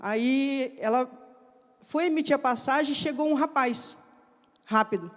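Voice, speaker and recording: A woman preacher giving a sermon with personal testimony, telling her stories slowly and emphatically and acting out the dialogue in them. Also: sits high. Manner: slow, emphatic storytelling. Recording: long hall reverb.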